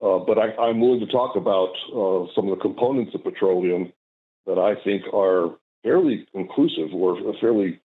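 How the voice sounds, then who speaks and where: A man's voice: low voice, moderate pace, slightly rough. An older man calling in to a talk show, hesitant and full of fillers as he explains his view. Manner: hesitant, many fillers and restarts. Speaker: caller. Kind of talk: call-in debate. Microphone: phone call. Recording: tinny phone line.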